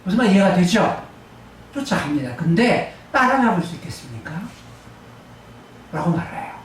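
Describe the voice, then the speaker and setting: A woman's voice: lowish voice, big pitch swings. A woman pastor preaching a sermon, drawing out emphatic phrases and calling for answers from the congregation. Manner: call-and-response with congregation, drawn-out emphatic phrases. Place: church sanctuary. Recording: very echoey church hall, distant mic, faint room noise.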